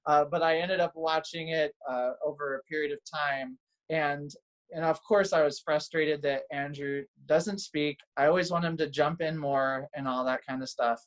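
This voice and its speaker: A man's voice: on the high side, steady tone, normal speed, poor audio. A man who works as a pastor, chatting in an interview, enthusiastic and rambling, laughing often. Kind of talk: casual interview chat.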